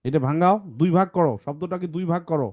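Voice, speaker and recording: A man leads a children's English reading class, patient and coaxing as he asks pupils to read lines and split words into syllables. His voice sits low and mellow. The sound is dry, with no room echo. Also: quick pace. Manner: patient, coaxing, mixes English phrases into speech. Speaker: teacher.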